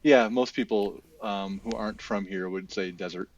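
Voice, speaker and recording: A man's voice: fairly low pitch, normal speed, distant mic, dull audio, a little hiss or hum. A man, a podcast guest, telling rambling, easygoing stories in casual chat.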